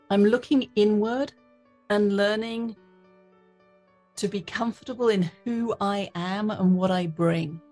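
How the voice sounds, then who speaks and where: A woman's voice: medium pitch, a little mellow. A woman with an English accent, a leadership coach and author talking as a podcast guest in an upbeat, cheerful and playful way. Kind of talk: podcast interview.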